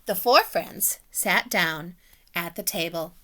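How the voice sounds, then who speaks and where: Woman, storybook read-aloud, very slow, bright voice. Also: fairly low pitch. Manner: slow, animated storytelling with voiced animal sounds. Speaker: teacher reading aloud.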